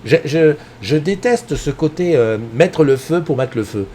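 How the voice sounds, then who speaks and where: A man's voice: a little high, animated, measured pace, warm tone, slight background noise. A middle-aged man hosting a live morning show from home. He chats casually and rambles, with many restarts and fillers, and greets viewers by name. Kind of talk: casual live-stream chat. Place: indoors at home, with a TV behind him.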